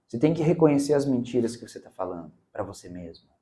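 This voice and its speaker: A Brazilian man with a Brazilian Portuguese accent mentors on public speaking in a casual interview, speaking emphatically and often ending points with "cara" and "né". His mid-range voice is mellow and sing-song, and he talks fast.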